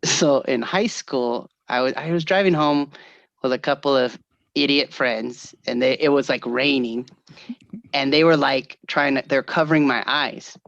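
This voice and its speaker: Animated storytelling man, dry close sound. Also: medium pitch, a little slow, creaky, no echo, muffled recording. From Northern California. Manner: animated, acts out quoted voices, laughs often. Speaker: podcast co-host. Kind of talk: casual storytelling chat.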